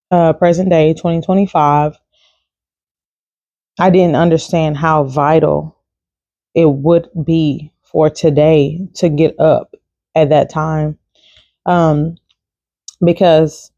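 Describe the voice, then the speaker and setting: Woman vlogger talking faith, relaxed and conversational, warm timbre, dry recording. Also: deep voice, dry recording, dull audio. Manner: chatty and informal, many fillers. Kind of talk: casual devotional talk to camera.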